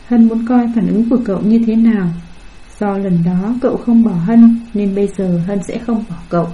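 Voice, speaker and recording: A woman narrating a scripted story in a calm, even storytelling manner, on a dull lo-fi recording. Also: medium pitch.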